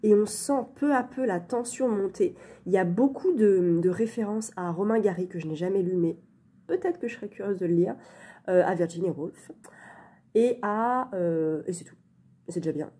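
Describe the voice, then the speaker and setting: Her husky, mellow voice sits at medium pitch and moves at a moderate pace as she chats about books for her vlog. She stumbles through fillers and restarts while talking into a phone camera on a stand, the room dimly lit.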